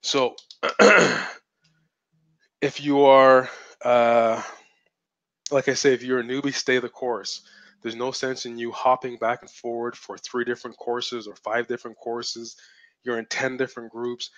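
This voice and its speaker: A man hosts a live-streamed webinar as a business mentor, teaching bluntly and assertively and repeating points for emphasis while his voice strains and cracks. His mid-range voice keeps a level tone at a slightly slow pace and sounds fairly bright. There's no echo, but the highs are cut off.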